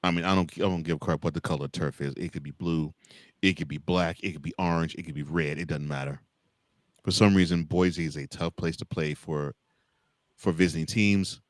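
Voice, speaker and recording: Male American sports co-host, deep voice, dry sound, casual football talk with emphatic repetition. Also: fairly even intonation, a little fast, no echo. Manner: repeats words and phrases for emphasis. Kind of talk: casual college football discussion.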